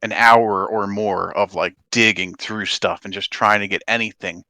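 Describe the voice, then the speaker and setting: A man's voice: on the low side, steady tone, normal speed, bright, forceful tone, dry recording. A man working as game master, explaining and narrating a tabletop game in an informal, conversational way.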